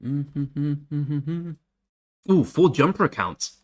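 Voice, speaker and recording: This time his voice is a little high and a little mellow, animated yet very slow. He's a young Englishman casually chatting on a game stream, reading chat aloud and joking about himself.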